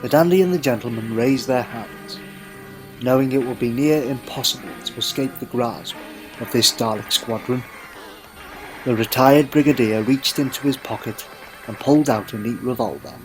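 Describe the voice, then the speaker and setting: A man tells an adventure story in a scripted, dramatic storybook style while music plays clearly behind him. His mid-range voice is a little mellow and moves at a moderate pace, though the recording is rough.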